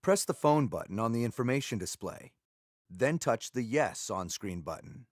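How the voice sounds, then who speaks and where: Guy doing neutral step by step tutorial voiceover, mid pitch, no room sound. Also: no echo, clean studio sound. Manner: clear, neutral, procedural delivery. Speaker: instructional video narrator. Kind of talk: scripted step-by-step instructional narration. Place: dry studio voice-over.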